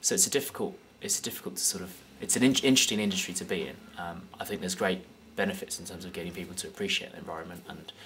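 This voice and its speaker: A man's voice: low-pitched, rapid-fire, few pauses, fairly bright tone, slight background noise. A young man from the UK with an English accent, answering interview questions with a lot of hesitation and filler. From United Kingdom. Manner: hesitant, many fillers and restarts. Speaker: guest.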